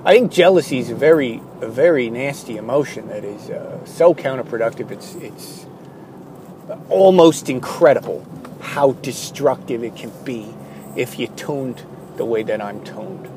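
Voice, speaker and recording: A man delivering a rambling, self-deprecating comic monologue, jumping between loud bits and low mumbled asides. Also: measured pace, background noise.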